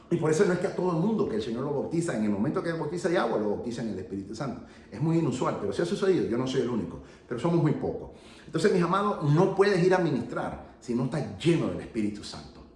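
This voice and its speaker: A man preaching as an evangelist, telling a testimony in animated storytelling style and laughing at himself as he goes. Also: mid-range voice, echoey room, slight background noise. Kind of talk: sermon testimony teaching.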